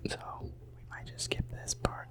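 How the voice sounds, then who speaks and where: Speaking at a moderate pace, this late-teen ASMR creator whispers at home into a mic held close. They're a bit under the weather and hoarse, with casual rambling and soft repetition of words.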